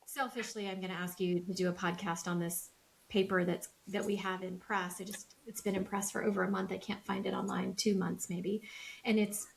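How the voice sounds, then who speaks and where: A woman's voice: medium pitch, little pitch movement, vocal fry, rough recording. Chatty American woman doctor, faint hiss. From United States. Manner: chatty, quick, joking asides. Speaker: podcast co-host, melanoma doctor. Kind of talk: casual podcast discussion.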